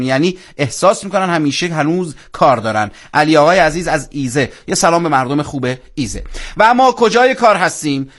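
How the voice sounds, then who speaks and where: A man hosting a radio program, speaking fluently and warmly, with frequent fillers. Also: high voice. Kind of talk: hosting a live radio show.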